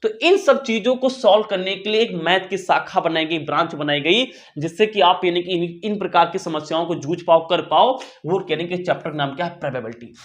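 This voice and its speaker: High-pitched and brisk, with hardly any pauses, this Indian-accented man runs an informal online maths lesson for schoolchildren. He addresses them familiarly, coaxing their attention, repeating phrases and frequently asking questions to check they follow.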